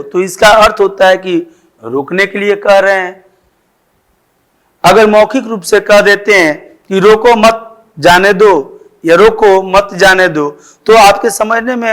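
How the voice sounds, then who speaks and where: A man with an Indian accent teaches a school grammar lesson in a fairly high voice. He speaks slowly and deliberately. He draws out each example phrase so that students can follow. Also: fairly bright tone. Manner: slow, deliberate explaining with drawn-out example phrases.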